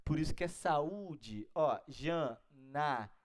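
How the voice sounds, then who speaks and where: A man's voice: on the high side, animated, slow. A man with a Brazilian Portuguese accent teaching an exam-prep grammar lesson, explaining step by step and checking in with his students often. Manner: didactic, keeps checking in with listeners.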